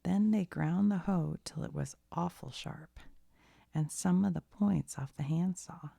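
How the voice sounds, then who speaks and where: In ASMR style, a woman softly reads a bedtime story in a deep, hushed, breathy half-whisper with a gentle storybook manner. Her pace is a little slow, and the studio-quality recording has no echo.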